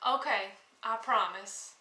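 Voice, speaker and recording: A frightened young woman turned queen, voiced by a woman storyteller, stammering as she pleads. Her tone is bright and fairly high. The sound is roomy, with the mic at a distance. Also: slow. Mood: anxious. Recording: echoey room, mic at a distance.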